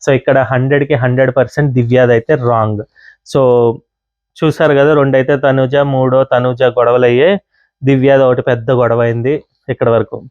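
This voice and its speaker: Speaking at a moderate pace in a medium-pitched, flat voice, a man chats casually about a reality show episode, using many fillers and mixing in English words. There's no room sound, and the audio is dull.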